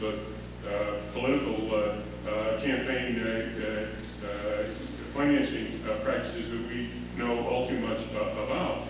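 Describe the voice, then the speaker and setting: A middle-aged man speaks at a podium in a big conference hall, halting and full of "uh" as he gathers his thoughts. The sound bounces hard around the room and he seems some way off the mic. A steady hum sits under everything. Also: medium pitch. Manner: hesitant, many "uh" fillers and restarts. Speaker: conference panelist. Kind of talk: unscripted remarks at a podium. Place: large wood-paneled conference hall. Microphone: podium microphone. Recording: echoey hall audio from a distant mic, with hum.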